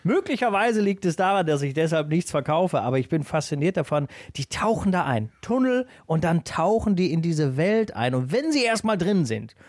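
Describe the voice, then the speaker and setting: A man's voice: on the high side, sing-song, normal speed, hardly any pauses, a little mellow, dry recording, clean studio sound. A man co-hosting a podcast in a casual chat, musing and reflecting with a slightly hesitant delivery. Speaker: podcast co-host.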